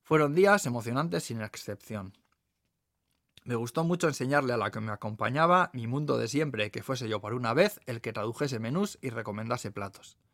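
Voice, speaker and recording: A man's voice: mid-range voice, expressive, moderate pace, dry recording, clean studio sound. A man from the Basque Country with a Peninsular Spanish accent, reading his own memoir aloud with wry asides. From Basque Country, Spain. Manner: warm storytelling, wry asides. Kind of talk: audiobook narration of a memoir.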